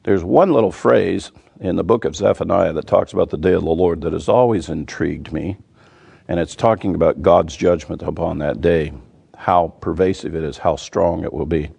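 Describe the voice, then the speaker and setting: Gravelly low-voiced man teaching scripture. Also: moderate pace, warm tone. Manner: earnest, emphatic, with vivid word pictures. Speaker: Bible teacher. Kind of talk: Bible study teaching.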